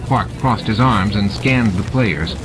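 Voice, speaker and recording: A man reads a novel aloud as scripted, dramatic audiobook narration, his voice fairly low and his pace measured. Music and sound effects are added behind the reading.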